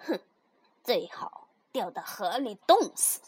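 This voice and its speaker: A woman's voice: mid-range voice, big pitch swings, slow, breathy edge, voice pushed down, full character voice. A woman doing a cruel, bossy stepmother. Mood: spiteful. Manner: sharp, commanding, muttering spitefully.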